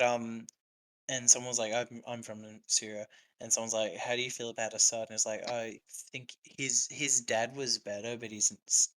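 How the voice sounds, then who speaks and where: A man's voice: medium pitch, sharp tone, rough recording. An Australian man hosting a casual podcast chat, rambling and hesitant, swearing freely. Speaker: podcast host.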